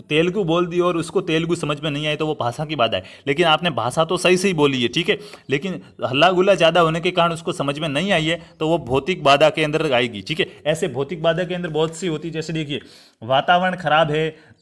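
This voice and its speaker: A young man from Rajasthan, India, delivers an online exam-prep lecture, explaining step by step and regularly checking in with his students, whom he addresses as friends. His voice is a little high with a fairly bright tone, and his style is repetitive and explanatory.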